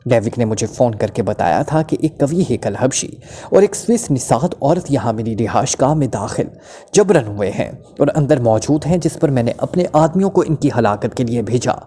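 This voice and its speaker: A man's voice: medium pitch, dark tone, a little hiss or hum, close to an everyday voice. A man voices a terrified male club owner who stammers and trembles under interrogation, then talks on and on.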